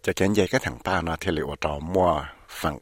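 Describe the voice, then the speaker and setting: A man reading a news report in a steady, measured, scripted way. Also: deep voice, no echo. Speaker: news narrator.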